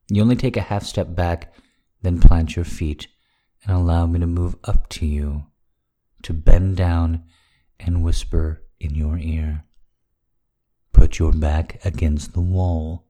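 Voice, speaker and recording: A man's voice: low voice, warm tone. A man who performs intimate audio for listeners, speaking in the first person. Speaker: audio erotica performer and live streamer. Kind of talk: slow, intimate first-person narration of erotic fiction, then casual chat to listeners.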